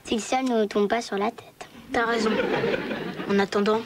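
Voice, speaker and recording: A woman's voice: on the high side, steady tone, normal speed, very noisy, lightly acted. An actress voicing a defiant, rebellious teenage girl in a cartoon. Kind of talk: cartoon voice acting.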